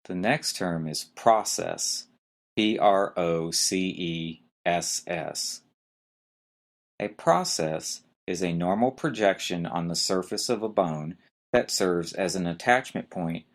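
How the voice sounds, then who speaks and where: A man's voice: low voice, slow pace. A man hosting a medical terminology podcast, spelling each term letter by letter and pointing out where the stress falls. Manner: spells words letter by letter and stresses syllables carefully. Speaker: podcast host teaching medical terms. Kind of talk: slow spelled-out lesson.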